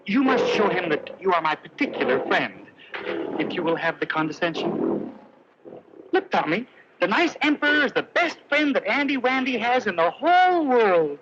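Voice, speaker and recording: A meek, gentle tailor with a highish, lilting voice that swoops about as he coaxes and soothes. It comes from a dull, hissy old film soundtrack in 1950s movie style. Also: wildly swooping pitch, moderate pace, full character voice. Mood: coaxing. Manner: soft, coaxing and cajoling, talks baby-talk to the lion.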